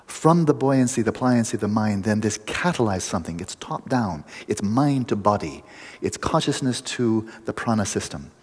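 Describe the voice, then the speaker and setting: A man giving a meditation talk to a group, explaining in vivid images with pauses and restarts. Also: fairly low pitch, lively intonation, husky, long reverb tail. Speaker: meditation teacher. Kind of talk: dharma talk to a retreat group.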